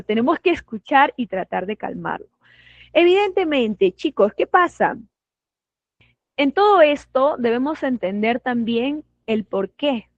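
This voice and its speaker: A woman with a Peruvian Spanish accent teaches a nursing class, asking the students questions and praising their answers. Her voice sits high. The sound is dull and dry, as if from a plain close microphone. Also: no echo. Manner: acts out patients and staff in quick put-on voices; asks the class questions and affirms their comments. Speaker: nursing instructor. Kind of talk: online class lecture.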